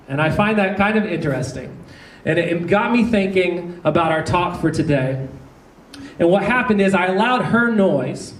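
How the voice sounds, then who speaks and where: Pastor from the South in his thirties, high-pitched, animated storyteller with jokes, heard from a distance in an echoey church. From American South. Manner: animated, humorous storytelling with asides to the congregation. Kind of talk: storytelling sermon. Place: church hall. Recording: roomy hall sound, mic at a distance.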